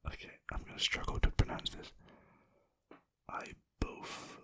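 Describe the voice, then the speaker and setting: Brisk and self-deprecating, an ASMR creator rambles through lines read aloud, all in a soft, unvoiced whisper captured up close by a sensitive microphone.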